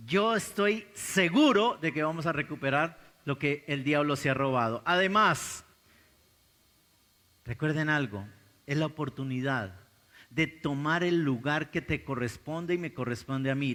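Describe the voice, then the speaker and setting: A man with a Colombian accent preaching a sermon as pastor, swinging between loud exclamations and low intense asides. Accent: Colombian Spanish. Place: large church hall. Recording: live church recording with long hall reverb.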